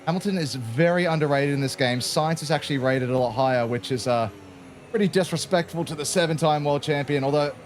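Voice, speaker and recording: A man's voice: mid-range voice, slight background noise. Chatty Australian man commentating a race game. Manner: chatty, jokey, peppered with "mate". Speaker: gaming channel host. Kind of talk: casual gameplay commentary.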